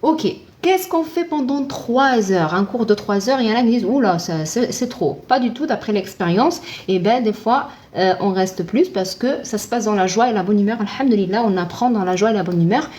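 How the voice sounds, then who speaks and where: A woman's voice: mid-range voice, animated, brisk, hardly any pauses, darkish tone. A woman teaching Arabic in a casual live-stream, chatting with viewers and answering her own questions.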